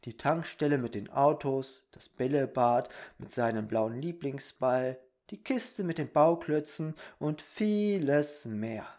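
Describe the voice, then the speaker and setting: A storyteller reading a children's bedtime story aloud in a calm, measured manner. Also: mid-range voice.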